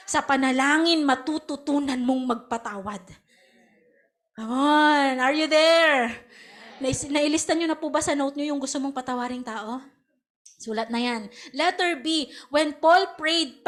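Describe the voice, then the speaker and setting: High-voiced Filipino woman preaching. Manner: animated Taglish preaching with acted quotes. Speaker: pastor. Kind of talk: sermon.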